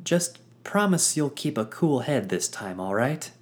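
A man's voice: mid-range voice, sing-song, a little slow, pitched above the performer's own voice. A man voicing a cheeky, upbeat amphibian-like male crewman. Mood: knowing. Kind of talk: audio drama character acting.

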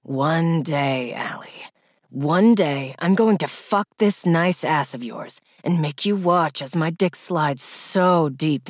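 A woman voicing a cocky, dominant young man in an audiobook, speaking in a low murmur. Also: no room sound, studio quality.

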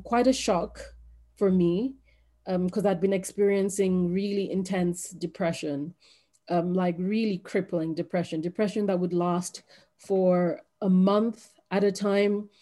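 A woman from Kenya talking as a guest on a podcast, with a low, mellow voice. She speaks thoughtfully and hesitantly, filling her pauses with ums. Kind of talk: podcast conversation.

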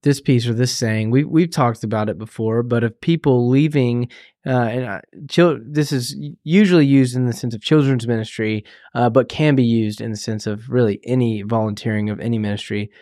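A man co-hosts a church podcast in a relaxed, halting way, stopping on fillers and restarting his sentences. His voice sits at an ordinary middle pitch. The sound is dry and close. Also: no echo. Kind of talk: casual conversation.

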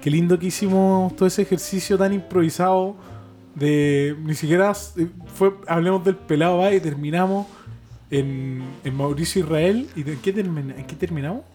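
A man's voice: fairly high pitch, normal speed, dark tone, faint music behind. A young man with a Chilean accent, co-hosting a casual podcast and telling rambling, slangy stories with frequent laughs. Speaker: podcast co-host. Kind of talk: casual chat. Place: home living room.

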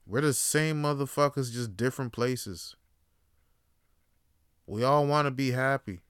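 A Toronto podcast host delivers a solo casual rant in a smooth, dry male voice with no echo. He's profane and rambling, lurching between loud outbursts and quiet musing.

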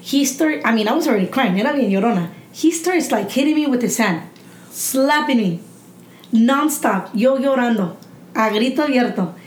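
A woman frankly telling stories from her childhood in a casual podcast chat, animated and swearing. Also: on the high side, normal speed. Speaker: podcast participant. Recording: echoey room with faint noise.

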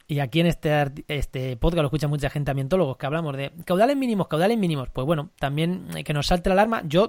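A man from La Mancha, hosting a podcast and explaining news in casual chat with quick restarts. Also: on the high side, darkish tone, no room sound. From La Mancha, Spain. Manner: fast, enthusiastic explaining with restarts. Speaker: podcast host.

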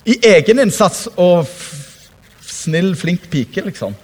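A man preaching a lively, conversational sermon, laughing often and acting out quotes. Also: sits high, husky, in a large hall.

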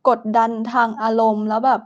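A woman's voice: on the high side, little pitch movement, a little fast, dull audio. A young woman from Thailand co-hosting a podcast, outspoken and crude, dropping English words into casual chat. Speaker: podcast co-host.

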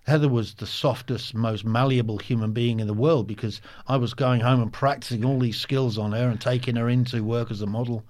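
A man in his sixties telling stories in a casual interview, halting with many ums and restarts. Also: on the low side, darkish tone. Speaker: guest, former soldier.

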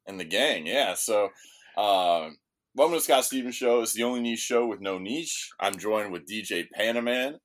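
A man with a low voice hosts a casual podcast. He rambles from topic to topic, swears freely and restarts his sentences, talking into a studio microphone. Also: animated, normal speed. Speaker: podcast host.

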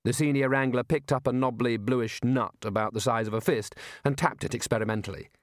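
A man narrating an audiobook in a measured storytelling way. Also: medium pitch, steady tone, no echo. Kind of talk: scripted narration.

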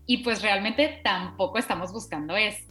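A woman co-hosting a parenting chat, explaining calmly and steadily with plenty of examples. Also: mid-range voice, moderate pace, faint music behind. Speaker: parenting podcast co-host.

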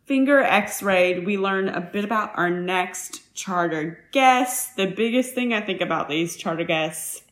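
A woman's voice: medium pitch, a little slow, hardly any pauses. Laughing woman co-hosting a podcast. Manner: laughs often, acts out quotes. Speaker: podcast co-host. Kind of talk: casual recap chat.

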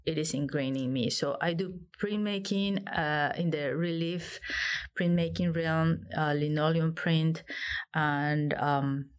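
Low-voiced thoughtful woman from Peru. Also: fairly even intonation, takes it slowly. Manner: hesitant, thoughtful, many fillers. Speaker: guest artist. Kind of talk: interview conversation.

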